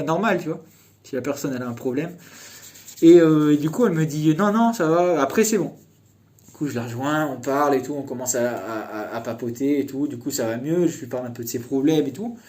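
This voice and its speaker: Mellow-voiced young man telling a story. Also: mid-range voice, fast talker. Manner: chatty, meandering storytelling. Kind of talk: casual storytime chat.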